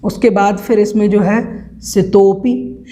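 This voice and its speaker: A man teaching a recorded scripture lesson, explaining the text slowly and repeating words to show how they are pronounced. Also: sits high, steady tone, mellow. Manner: slow, careful, repeats words for pronunciation. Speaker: religious teacher.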